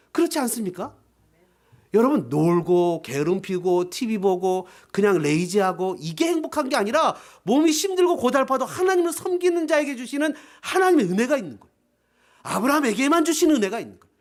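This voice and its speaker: Korean-speaking pastor guy preaching in church, super lively up and down pitch. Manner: animated, acts out voices. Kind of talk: sermon.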